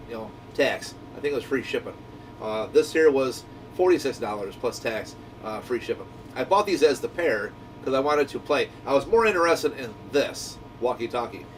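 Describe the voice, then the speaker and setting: In this clip, a man reviews a product in a loose, rambling, enthusiastic way, talking to viewers like a shop owner would. A noisy low hum rumbles beneath the sound from a far-off mic.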